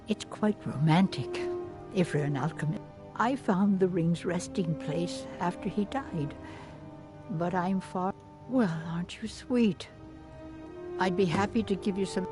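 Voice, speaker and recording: A sly, flirtatious alchemist widow from a fantasy game, played by a woman. She talks in a fairly low female voice with sugary condescension and teasing. Music plays clearly behind her. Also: a little slow, pauses often, close to an everyday voice. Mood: sweetly teasing. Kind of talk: video game character dialogue.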